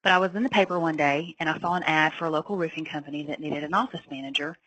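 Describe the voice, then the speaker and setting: A woman with a bright, forceful voice tells her personal career story on an online call. The sound is dry and close, and she talks in an easy, conversational way. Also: deep voice, rapid-fire, slightly rough, dry recording, low-quality recording. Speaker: webinar speaker.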